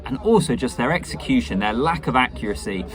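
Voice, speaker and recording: A man in his thirties giving casual, measured sports analysis as a pundit, opinionated and conversational. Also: medium pitch, animated, a crowd in the background. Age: 30s. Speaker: rugby pundit giving match reaction. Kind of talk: casual spoken match analysis to camera. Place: small indoor room at home.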